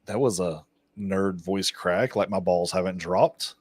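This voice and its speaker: A man's voice: deep voice, unhurried, slightly rough, no room sound. A man hosting a casual stream chat, laid-back, swearing and laughing often.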